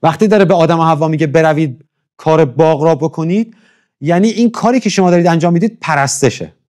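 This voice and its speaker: Questioning male church teacher, higher voice. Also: darkish tone. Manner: conversational, keeps asking the audience questions; pauses to check his pronunciation of foreign words. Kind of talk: classroom lecture to a congregation.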